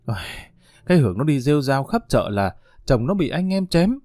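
A man's voice: medium pitch, big pitch swings, brisk, dark tone, dry recording, clean studio sound, natural voice. A man voicing an agitated middle-aged village woman who talks breathlessly with exclamations. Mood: alarmed.

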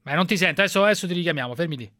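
A man's voice: high voice, expressive, very fast, sharp tone, dry recording, clean studio sound. A man hosting a live radio phone-in, bluntly cutting in and pressing his guests. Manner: blunt, interrupting, insistent. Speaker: radio call-in show host.

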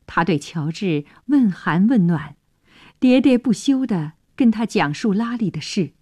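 A woman's voice: medium pitch, expressive, unhurried, darkish tone, breathy edge, no echo. A woman telling a story on the radio, narrating expressively and dramatically in a studio.

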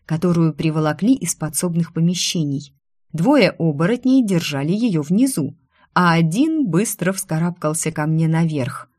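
A woman narrating a first-person fantasy story in a lively, wry, expressive way. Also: fairly low pitch, dry recording, studio quality. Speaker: audiobook narrator.

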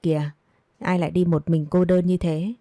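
A woman's voice: on the low side, flat delivery, normal speed, mellow, no room sound, studio quality, lightly acted. A woman reading a story, voicing a lecherous young man who talks in a wheedling, mocking way. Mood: sleazy.

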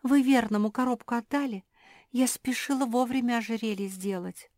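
A woman's voice: on the high side, moderate pace, darkish tone, no echo, clean studio sound, voice pushed up, close to an everyday voice. A woman voicing a strict older sister dog who lectures in a reproachful, preachy way. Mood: nervous.

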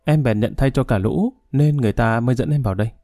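A man's voice: mid-range voice, fast talker, dark tone, dry recording, studio quality, lightly acted. A man doing a timid young inmate. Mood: explaining. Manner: humble, apologetic.

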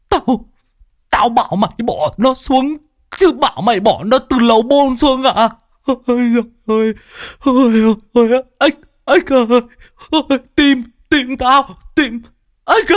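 A man's voice: very high-pitched, sing-song, unhurried, pauses often, no echo, clean studio sound, voice pushed up, heavily acted. A man voicing a frail, tearful old Taoist master who stammers and wails. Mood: wailing. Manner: wailing, stammering.

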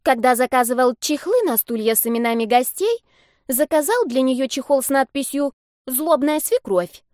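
A woman's voice: sits high, expressive, moderate pace, darkish tone, dry recording, studio quality, pitched above the performer's own voice. A woman voicing a whiny, mischievous young male dragon in a storybook reading. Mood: sulky. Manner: whining, sulky.

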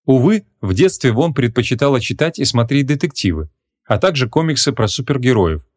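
A man narrating a humorous fantasy audiobook in an expressive, lively storytelling manner. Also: mid-range voice, a little fast. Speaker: audiobook reader. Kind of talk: scripted narration.

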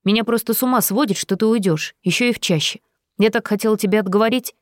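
A woman voicing a hot-tempered young male caravan leader in an audiobook, with loud, forceful outbursts. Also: mid-range voice, quick pace, dry recording, clean studio sound, pitched above the performer's own voice, close to an everyday voice. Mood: tender. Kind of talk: audiobook character reading.

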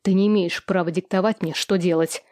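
Woman reading a calm, firm young man. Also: lowish voice, a little fast, no room sound, clean studio sound, lightly acted.

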